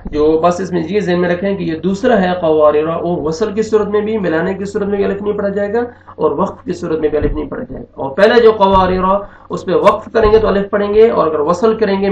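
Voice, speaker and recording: A male Quran teacher explains reading rules with patient repetition, pausing often to check that his students follow. His voice sits a little high and carries a gravelly rasp. The recording rings in an echoey room and sounds dull and lo-fi. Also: a little mellow, slight background noise. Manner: patient, repeats each rule with frequent check-ins. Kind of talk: recorded online lesson.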